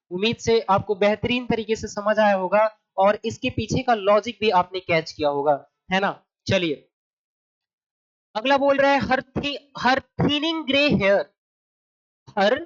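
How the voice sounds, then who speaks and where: A male coaching teacher giving an exam-prep grammar lesson. He asks rhetorical questions, repeats his points with a tag question, and reads English examples slowly and deliberately. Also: high voice, fairly bright tone. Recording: dull lo-fi recording.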